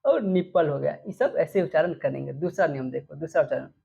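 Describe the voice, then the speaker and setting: A woman's voice: low-pitched, fairly quick, creaky, dark tone, slightly rough. A woman teaching English spelling rules, who repeats each example word and asks the class questions before answering them herself. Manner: repeats words and quizzes with questions. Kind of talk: explaining rules to students. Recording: dull lo-fi recording.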